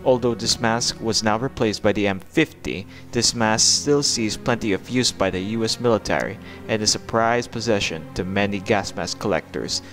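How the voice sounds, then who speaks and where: Guy with a lowish voice walking thru a gear review, plain talk, music behind him. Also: normal speed, hardly any pauses, a bit bright. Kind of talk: hands-on product review narration.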